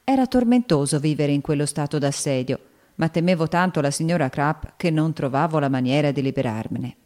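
A woman calmly reading a classic novel aloud. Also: low-pitched, a little fast. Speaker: audiobook narrator. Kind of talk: scripted literary narration.

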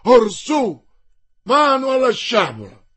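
A proud king cries out orders as his army wavers, voiced by a man reading a storybook. The commands come loud and strained, slightly husky, recorded dry and close. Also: medium pitch, animated, measured pace, no echo. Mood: rallying. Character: embattled king, proud and desperate.

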